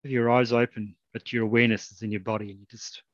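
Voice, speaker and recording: A man leading a guided meditation in a slow, soft, calm way with long pauses. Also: medium pitch, no room sound, highs cut off.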